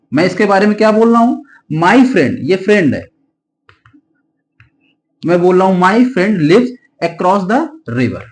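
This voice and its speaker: Male grammar teacher, fairly high voice, advising classroom tone, slow word-by-word dictation. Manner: explains in Hindi with English examples, dictated slowly word by word; frequent checking "ठीक है" fillers, advising tone. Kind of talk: classroom-style grammar lesson for exam students.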